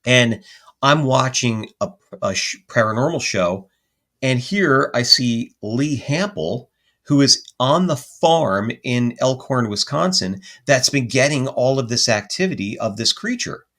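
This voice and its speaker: A man who is a guest paranormal investigator, telling a story on a podcast in an animated, rambling way and correcting himself as he goes. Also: mid-range voice, a little slow.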